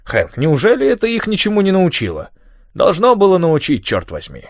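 A man reads an old man full of loud, excited chatter, his voice jumping up high and carrying strongly. He rambles on, exclaiming, pitch swinging widely, in a dry, close audiobook recording. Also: a little slow, no room sound, full character voice. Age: older. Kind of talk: audiobook character voice.

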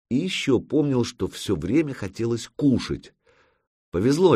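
A man narrating an audiobook with expressive storytelling and a husky voice. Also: on the low side, no room sound, studio quality. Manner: expressive storytelling with lively intonation.

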